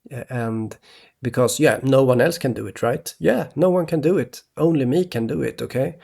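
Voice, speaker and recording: A man from Sweden, rambling in a halting monologue to his viewers, restarting often and tagging "okay?" onto his points. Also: medium pitch, gravelly, darkish tone. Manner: halting, many restarts, keeps adding "okay?". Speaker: vlogger.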